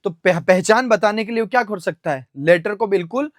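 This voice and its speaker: A young man with an Indian accent teaching an English vocabulary lesson, explaining each answer step by step, asking and answering his own questions and spelling words out slowly letter by letter. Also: high voice, no echo, studio quality.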